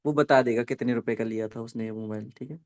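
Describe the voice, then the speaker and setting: A man running a live online training session for network marketing, dictating points slowly and checking in with listeners after nearly every sentence. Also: medium pitch, steady tone, a little mellow, lo-fi sound. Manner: dictates slowly for note-taking.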